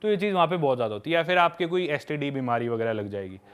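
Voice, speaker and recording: Rapid-fire and a little high, with a clean tone, a young travel-video creator swaps trip stories on a podcast. His casual storytelling is lively and frank, and he keeps calling the listener "brother."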